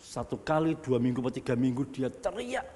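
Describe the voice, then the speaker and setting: Middle-aged pastor, reverberant hall. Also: male voice, medium pitch, quick pace. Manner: storytelling, animated, climbing to loud exclamations. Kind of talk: sermon. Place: church hall.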